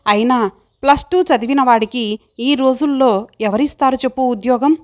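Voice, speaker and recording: A woman's voice: high voice, moderate pace, darkish tone, lightly acted. A woman voicing an earnest young village woman who longs to study, speaking in a heartfelt, pleading way.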